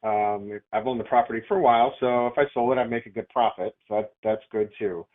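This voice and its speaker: Over a tinny, narrow phone line, a man who owns property talks casually in an easygoing, hesitant way, working through his thoughts aloud. His voice is low, his tone steady, and his pace brisk.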